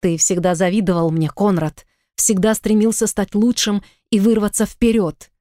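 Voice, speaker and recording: A man's voice: sits high, level tone, normal speed, warm tone, no echo, natural voice. Hot-tempered young lycan man voiced by a woman reader, demanding, dry close recording. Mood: angry. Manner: demanding, angry.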